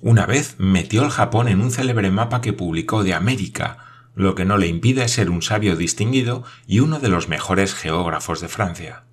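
A man doing a calm, serious lord. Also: deep voice, moderate pace, breathy edge.

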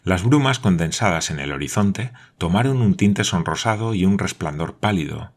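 A man narrating an adventure novel in a steady, measured audiobook reading. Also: deep voice.

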